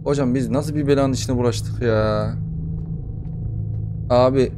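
A young man doing casual gaming commentary, excitable and profane, bantering with the game as he plays a horror title. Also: medium pitch, a little slow, background noise. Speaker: gaming YouTuber.

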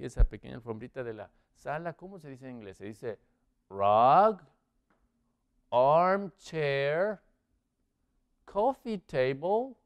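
A man teaching English vocabulary, quizzing viewers with multiple-choice options and drawing out the English words slowly for pronunciation. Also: on the high side, clean tone. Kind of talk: English vocabulary lesson in Spanish.

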